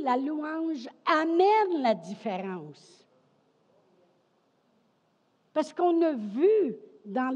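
A woman's voice: on the high side, warm tone. A woman pastor with a Québécois French accent preaching an emphatic sermon, often asking "OK?" and saying "Amen". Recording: dull sound with long hall reverb.

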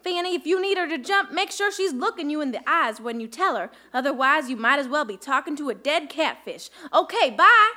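Woman as chatty small-town mom, rambling folksy talk, high voice, radio comedy. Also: very animated, brisk, hardly any pauses, sharp tone, exaggerated voice. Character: rambling, folksy mother of a little girl. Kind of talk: live comedy radio play.

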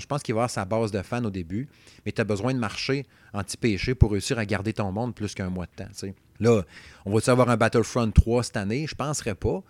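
A man's voice: fairly low pitch, no echo. A man with a Québécois French accent, hosting a casual video game podcast and rambling chattily with lots of fillers. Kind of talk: casual chat.

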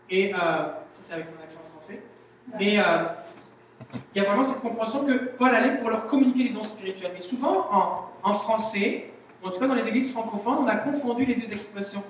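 A man with a Quebec French accent, preaching a teaching sermon in an animated, explanatory way with everyday examples. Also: high voice, a little hiss or hum. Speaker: pastor. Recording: very echoey hall, mic at a distance.

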